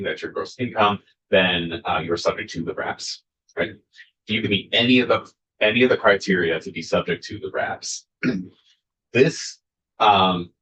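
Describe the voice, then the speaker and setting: A man with a very low voice explains an amendment to a legislative committee. He talks carefully, pausing often with fillers and restarting his sentences. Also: a bit bright, poor audio. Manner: careful, halting, many fillers. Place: state senate committee room.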